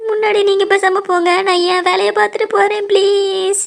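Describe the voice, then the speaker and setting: A woman's voice: very high voice, flat delivery, brisk, vocal fry, heavy background noise. A woman voicing a panicky village woman in a cartoon, wailing and crying out in fright. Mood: frightened. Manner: shrieking, wailing "aiyo" in fright. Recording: music playing behind the voice.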